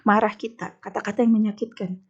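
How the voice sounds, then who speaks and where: A woman's voice: medium pitch, fairly quick, breathy edge, highs cut off. A woman with an Indonesian accent, speaking as a guest on an Islamic women's talk show and telling stories with emphasis. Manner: emphatic, animated storytelling with acted quotes.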